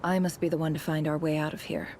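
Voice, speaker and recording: An actress playing a shrewd, imperious female boss in a video game, haughty and teasing, speaking in a deliberate, eloquent way. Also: deep voice, flat delivery, a little mellow, a little hiss or hum. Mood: cryptic, assured. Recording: music behind the voice.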